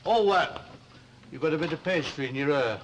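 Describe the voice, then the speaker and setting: A man's voice: a little high, expressive, moderate pace, natural voice. An actor playing a bumbling, affable Northern English working man, hesitant and homely, in a 1960s British TV soap. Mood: puzzled. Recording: noisy 1960s TV soundtrack, clicks.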